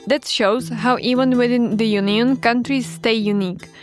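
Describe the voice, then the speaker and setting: A woman's voice: fairly high pitch, steady tone, normal speed, music in the background. A young woman from the Republic, reading a scripted statement evenly. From Czech Republic.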